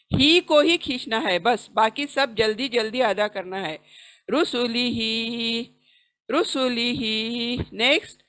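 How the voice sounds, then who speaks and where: A woman tajweed teacher with a bright, slightly high voice. She chants each word slowly, stretching the long syllables. Then she explains the rule in short, brisk lines. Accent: Indian. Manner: drawn-out chanted syllables between quick explanations. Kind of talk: recitation lesson.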